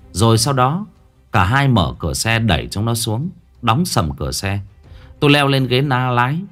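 A man narrating a first-person story in a gruff, dramatic way. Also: fairly low pitch. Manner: gruff and dramatic, acting out his own shouted lines.

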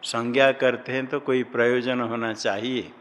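A male teacher lecturing a class in a room with a long, ringing reverb. He asks questions and answers them himself, at an ordinary pitch, and has his students recite the lines together with him. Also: flat delivery, moderate pace, a bit bright. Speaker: Sanskrit grammar teacher.

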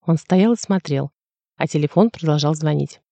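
A male narrator reads a novel aloud in a measured, reflective way. His tone is mellow and warm. The sound is dry and close. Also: on the high side, vocal fry, no room sound. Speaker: audiobook narrator. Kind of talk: scripted narration.

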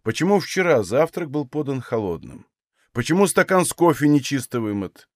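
A man's voice: on the low side, very animated, breathy edge, no room sound, studio quality, pitched below the performer's own voice, full character voice. A man doing a bellowing irritable old landowner. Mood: scolding. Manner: shouting, slow heavy bursts.

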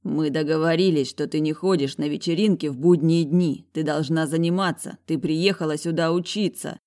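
A woman voicing an angry, possessive young man who speaks slowly through gritted teeth. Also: low-pitched, steady tone, dark tone, lightly acted. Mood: stern. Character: stern possessive young man, barely holding anger.

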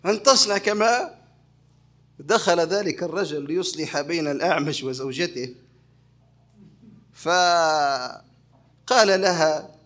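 A man's voice: a little high, measured pace, long pauses, a bit bright. A man teaching a religious creed lesson as a sheikh, asking his listeners rhetorical questions and answering them himself. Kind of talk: religious lecture.

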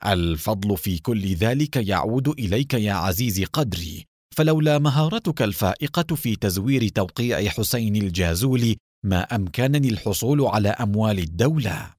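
A man voicing a calm, low-voiced hero agent. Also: fairly quick, no room sound, studio quality. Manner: calm, quietly assured.

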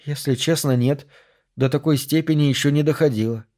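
A man's voice: fairly high pitch, fairly quick, darkish tone, natural voice. A man voicing a young woman friend who talks in a coaxing, friendly way. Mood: sleepy. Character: young woman, warm old friend, Masha.

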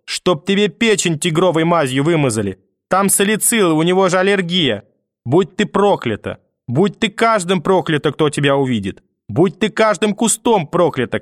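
A man's voice: fairly high pitch, no echo, clean studio sound, voice pushed up, lightly acted. A man voicing a furious old grandmother who spits curses and threats in a raised, strained voice. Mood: frantic, cursing. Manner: venomous, screaming curses. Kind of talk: audiobook character voice.

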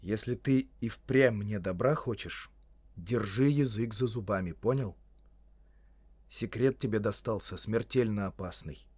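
A man voicing a worried young male hobbit who speaks quietly and seriously, in an audiobook. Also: lowish voice, unhurried, slightly rough, no room sound. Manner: quiet, sighing.

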